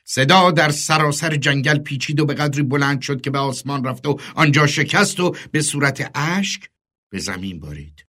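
A man reading an audiobook aloud with a dramatic, expressive storytelling delivery. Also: on the high side. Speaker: audiobook narrator.

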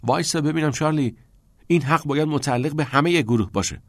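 A man voicing an indignant high schoolboy. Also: very animated, no echo, studio quality. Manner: protesting, indignant. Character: protesting teenage schoolboy Pitts.

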